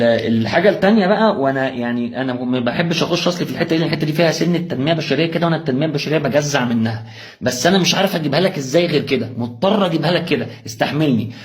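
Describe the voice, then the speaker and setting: A young man with an Egyptian accent gives an impassioned motivational religious talk, firing rhetorical questions straight at the listener. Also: fairly high pitch. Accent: Egyptian Arabic. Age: young adult.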